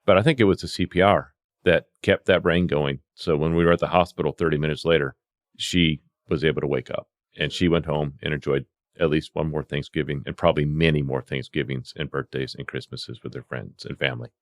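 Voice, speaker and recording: With a bass voice, brisk pace and fairly even intonation, a male paramedic and CPR trainer recounts anecdotes from the job, voicing the back-and-forth in quoted dialogue. It's lively conversational storytelling, recorded dry and clean in a studio.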